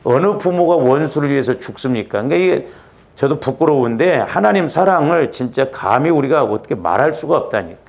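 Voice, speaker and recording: A man preaching a Friday night church sermon, animated, acting out little quarrels as he goes. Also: mid-range voice, brisk, gravelly. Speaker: pastor.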